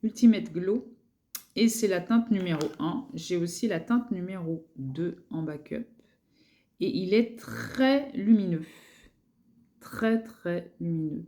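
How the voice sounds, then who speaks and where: A woman's voice: on the low side, animated, takes it slowly, warm tone. A woman beauty vlogger chatting casually through her makeup collection, hesitant, with many fillers and repeated words.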